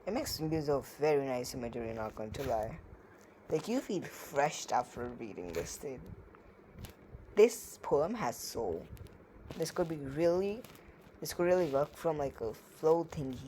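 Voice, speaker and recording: A woman's voice: deep voice, expressive, a little slow, mellow, a little hiss or hum, low-quality recording. A woman reading poems aloud and reviewing them in casual commentary, with sarcastic, playful, ranting asides. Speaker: poetry reviewer.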